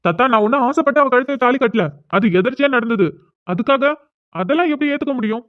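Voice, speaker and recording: A stubborn young grandson from a cartoon family drama, protesting and insistent, voiced by a woman. He speaks quickly, and the recording is dull and lo-fi. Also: a little high, animated, natural voice.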